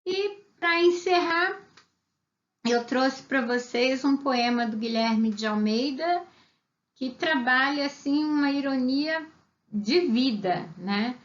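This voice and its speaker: A woman teaching a literature class, chatty and lively, often checking in with her students. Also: high-pitched, takes it slowly, reverberant, dull audio. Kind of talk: online class lecture.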